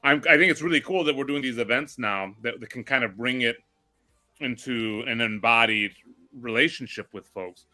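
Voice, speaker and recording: A man with a sharp, bright, medium-pitched voice reflects aloud during a relaxed group chat at a normal pace. He repeatedly reshapes his points into searching questions.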